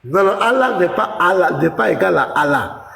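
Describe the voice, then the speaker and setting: Male pastor, insistent debater, gravelly, roomy reverb. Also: high-pitched, expressive, brisk, fairly bright tone. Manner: lecturing, insistent, talks over the other speaker. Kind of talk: heated religious debate.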